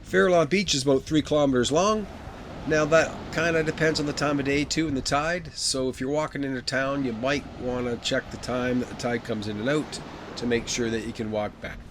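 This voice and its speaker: A man's voice: mid-range voice, steady tone, a little fast. A man giving a conversational, informal travel vlog narration in a walk-and-talk style. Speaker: travel vlogger. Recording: noisy outdoor audio with ambient sound.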